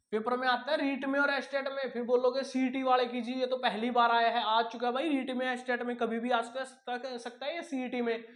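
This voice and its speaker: A man's voice: very high-pitched, fairly bright tone. Male Hindi teacher drilling a grammar lesson. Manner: repeats key words, asks and answers his own questions; addresses students familiarly as son and brother. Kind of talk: exam-prep grammar lesson.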